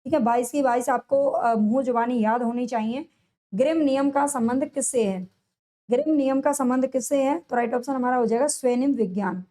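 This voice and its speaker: A woman teaching a lesson for competitive exams. She asks each question, answers it herself, and repeats the key answers slowly with stress. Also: high voice, mellow. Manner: drawn-out, stressed delivery on answers. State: sore throat. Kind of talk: exam-prep lesson, solving multiple-choice questions.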